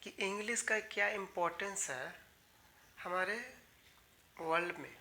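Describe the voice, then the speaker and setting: A man from India teaches an online English grammar lesson. His voice is bright and a little sharp. He explains patiently, speaks directly to his students and repeats each key word as he goes. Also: high-pitched, unhurried, slight background noise.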